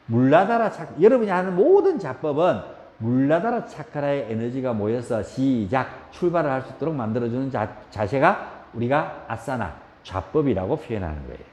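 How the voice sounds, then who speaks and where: A man with a Gyeongsang Korean accent teaching a yoga class, asking questions and acting out shouts. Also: mid-range voice, normal speed. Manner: lively, asks the class questions, acts out shouts. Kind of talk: spoken yoga lecture. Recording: roomy hall echo.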